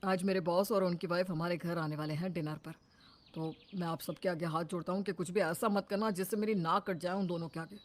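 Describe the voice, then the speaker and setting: A woman's voice: fairly low pitch, fairly even intonation, brisk, close to an everyday voice. Woman voicing an earnest grown son. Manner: earnest, pleading.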